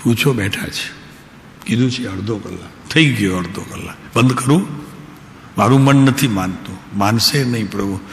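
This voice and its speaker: A man, a spiritual teacher, giving a devotional discourse in a calm, unhurried way and asking his listeners direct questions. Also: fairly low pitch, vocal fry. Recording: echoey hall, faint background noise.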